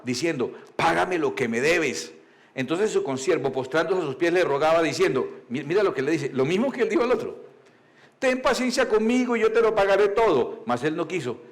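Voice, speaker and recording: A male pastor, preaching in a conversational storytelling style, asking the congregation questions and reading scripture slowly. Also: on the high side. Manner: reads scripture slowly and deliberately. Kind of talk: sermon.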